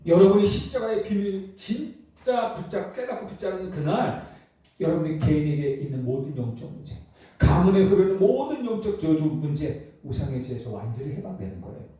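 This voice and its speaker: A male pastor delivers an emphatic sermon and keeps putting questions to his listeners. His voice sits high but sounds mellow and dark. It comes from a distance and echoes through a large church hall. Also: lively intonation, moderate pace. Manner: emphatic, many rhetorical questions to the congregation. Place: church sanctuary.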